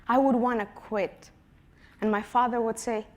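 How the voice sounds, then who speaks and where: A woman in her twenties from Afghanistan, giving a prepared personal talk in an earnest storytelling manner, her voice dropping softly at the ends of phrases. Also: fairly high pitch, fairly even intonation, moderate pace. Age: 20s. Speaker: conference speaker.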